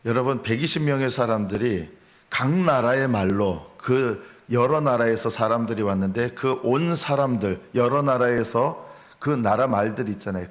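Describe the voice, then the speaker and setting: A man preaching a morning sermon from the pulpit of a church, with a voice of ordinary pitch. He speaks earnestly and keeps building in emphasis. Now and then he acts out the words of scoffers and angry answers to make his point. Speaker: pastor. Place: church sanctuary.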